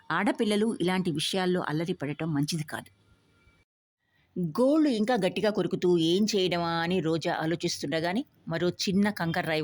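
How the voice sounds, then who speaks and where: A woman storyteller narrating a novel aloud in a steady, even manner with a husky voice. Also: fairly low pitch.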